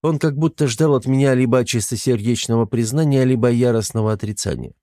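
A man narrating a first-person audiobook in an even, restrained, matter-of-fact delivery. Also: medium pitch, a little fast, dry recording, clean studio sound.

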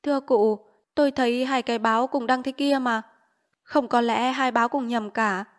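A woman's voice: a little high, fairly even intonation, moderate pace, pitched above the performer's own voice, lightly acted. A woman reading a novel aloud and voicing an anxious old landlady who pleads deferentially. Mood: placating. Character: anxious old landlady, placating and quick-witted. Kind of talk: audiobook character voice.

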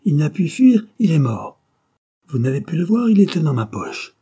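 A man's voice: medium pitch, moderate pace, warm tone, husky. A man voicing Armand, a stern commanding young man. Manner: firm, accusing.

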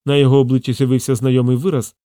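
A man narrating an audiobook in an even, measured reading. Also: medium pitch, clean tone, dry recording, studio quality.

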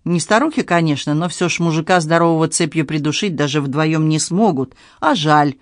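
Audiobook narrator, even and measured, dry close recording. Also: medium pitch, dry recording. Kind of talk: scripted narration.

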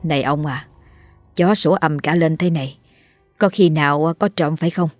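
A woman's voice: sits low, normal speed, no echo, faint music behind, lightly acted. A woman voicing a fussy, scolding middle-aged village wife. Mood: worried. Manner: scolding, stammers when scared.

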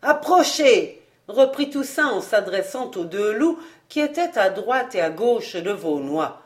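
A woman reading a novel aloud as an audiobook narrator, in a slow, measured style. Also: mid-range voice, animated. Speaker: audiobook reader. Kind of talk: scripted narration.

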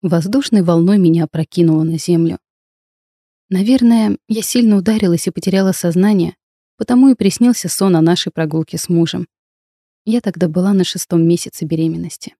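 A woman reading a first-person fantasy audiobook in a low, mellow voice. Her delivery is measured and expressive, and the recording is dry and close. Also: no room sound. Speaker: audiobook narrator. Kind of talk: first-person scripted narration.

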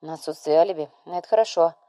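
A woman voicing a cold, terse male agent of a dark court, speaking in clipped phrases for an audiobook. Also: low voice, fast talker, no echo, close to an everyday voice.

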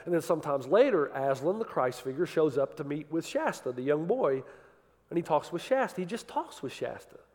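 Preacher man, passionate sermon, voice a touch high, ringing through a large hall. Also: big pitch swings, a little fast. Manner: impassioned, swings from loud emphasis to quiet intensity. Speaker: pastor.

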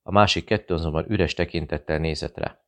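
Deep gravelly male audiobook narrator. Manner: measured, even reading. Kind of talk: scripted narration.

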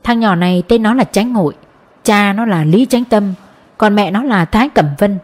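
A woman narrating a novel as an audiobook in a steady storytelling manner. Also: mid-range voice, normal speed. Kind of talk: scripted narration.

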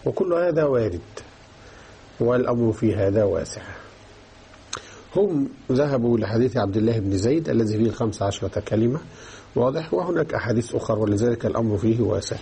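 A man's voice: mid-range voice, lively intonation, fast talker, creaky, long pauses, warm tone, a little hiss or hum. A man teaching Islamic jurisprudence, explaining a text and often checking that his students are following. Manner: explanatory, checks understanding with repeated questions. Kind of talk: religious lesson explaining a text.

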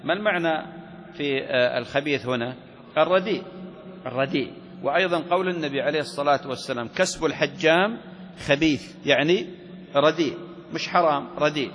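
A man's voice: a little high, a little fast, long pauses, fairly bright tone. A man teaching Islamic jurisprudence, asking his class questions and answering them himself. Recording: reverberant hall with faint ambient noise.

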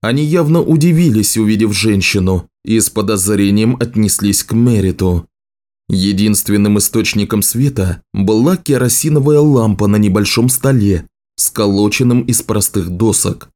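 A man's voice: lowish voice, normal speed, mellow. A man steadily reading a fantasy novel aloud as the audiobook narrator.

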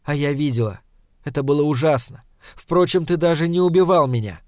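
A man reading an audiobook voices a composed woman of high rank who speaks in a measured, reasoning way. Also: darkish tone, dry recording, clean studio sound, close to an everyday voice.

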